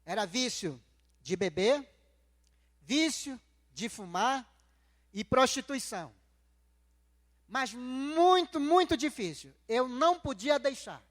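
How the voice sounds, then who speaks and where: High-voiced man giving slow church testimony. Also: lively intonation, fairly bright tone, big-room sound. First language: Nheengatu. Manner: slow, heartfelt storytelling with repeated phrases. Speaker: guest speaker giving testimony.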